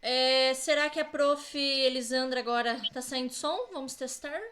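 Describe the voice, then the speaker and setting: A woman's voice: high-pitched, steady tone, normal speed, fairly bright tone. A woman moderating an online teachers' meeting, reading colleagues' comments aloud in a friendly way on a video call.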